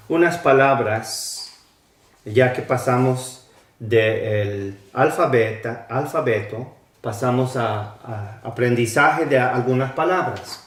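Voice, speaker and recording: Guy teaching alphabets real slow, stops a lot, echoey room, a bit off mic. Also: mid-range voice, recorded from a distance. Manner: slow and deliberate, spelling out letters and sounds, with hesitations.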